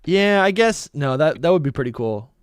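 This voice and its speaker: Excitable guy cohosting a podcast, smooth voice that jumps all over, dry sound. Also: on the high side, moderate pace, no room sound. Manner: excitable, thinks aloud with fillers. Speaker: podcast co-host. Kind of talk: casual podcast chat.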